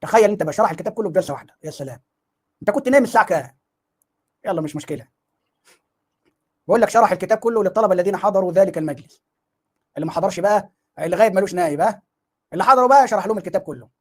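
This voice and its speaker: A man's voice: sits high, racing, long pauses. A man with an Egyptian Arabic accent giving mocking online commentary, full of sarcasm and rhetorical questions.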